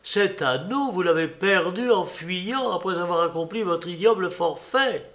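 Man putting on shrill indignant Madame Boulanger. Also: fairly even intonation, unhurried. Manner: exclaiming, high-strung. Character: accusing woman, shrill and indignant.

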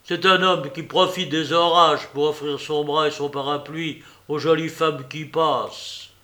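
A man reading aloud voices an irascible male concierge who shouts and blusters in a storybook. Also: on the high side, fairly even intonation, measured pace. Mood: furious. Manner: loud, furious, blustering.

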